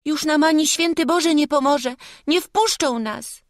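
A woman's voice: high-pitched, unhurried, dry recording, clean studio sound. A woman voicing a timid, easily scared peasant boy in an audiobook, anxious and fearful. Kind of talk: audiobook character voice.

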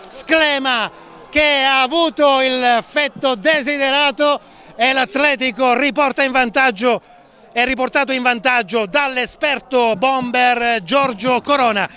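A man giving breathless, excited, shouted football goal commentary over a crowd. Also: very high voice, unhurried. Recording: crowd noise behind outdoor match commentary. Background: outdoor stadium crowd.

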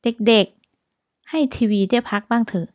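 Thai-accented woman, English teacher; unhurried, careful reading of phrases, dry sound. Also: no echo. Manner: reads example sentences very slowly and clearly, twice. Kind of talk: slow English lesson with Thai explanations.

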